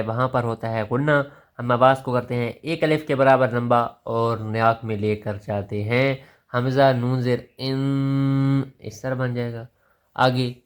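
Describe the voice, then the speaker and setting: Pakistani man teaching Quran recitation. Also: mid-range voice. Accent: Pakistani Urdu. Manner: patient, spells each letter with its vowel mark, then chants the verse slowly. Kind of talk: tajweed lesson, spelling out and reciting verses.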